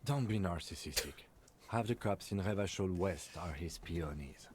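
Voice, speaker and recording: A man voicing a calm, reserved police lieutenant in a video game, speaking in a dry, precise, deadpan way. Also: low voice, normal speed, a little hiss or hum. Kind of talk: game voice acting.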